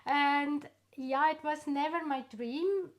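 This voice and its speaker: A middle-aged Swiss artist, not a native English speaker and with a Swiss accent, is the guest in a casual interview. She tells her story slowly and warmly, lingering on frequent pauses and fillers, in a steady voice that sits a little high.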